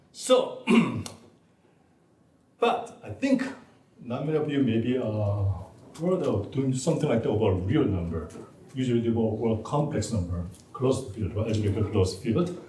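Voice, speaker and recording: A man's voice: mid-range voice, warm tone, slight background noise. A man, a native Korean speaker, giving an informal academic seminar talk, chatty and repeating words as he writes on the board. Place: seminar room. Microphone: distant room mic. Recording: echoey room, far mic.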